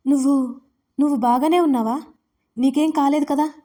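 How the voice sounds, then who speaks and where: A woman voicing a young heroine, anxious and deeply loving, her lines pleading and fearful. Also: fairly even intonation, moderate pace, warm tone, close to an everyday voice. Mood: frightened. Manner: pleading, frightened cries.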